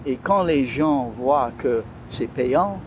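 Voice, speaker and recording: Guy with a cajun louisiana french accent, interview chat, keeps pausing for words, noisy outside sound. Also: medium pitch, animated. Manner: hesitant, searching for words. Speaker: interview guest. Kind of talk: conversational interview.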